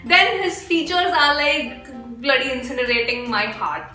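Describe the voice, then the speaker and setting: A woman's voice: sits high, lively intonation, normal speed, bright, forceful tone, faint music behind. A young Indian woman with an Indian accent hosting a reaction video, gushing and exclaiming a lot as she comments. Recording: echoey room.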